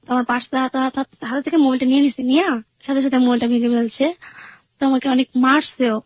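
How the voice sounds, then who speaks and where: A woman's voice: sits high, level tone, fast talker, dry recording, muffled recording. A young woman earnestly retelling her own life story in a rambling way, with many fillers. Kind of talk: personal storytelling interview.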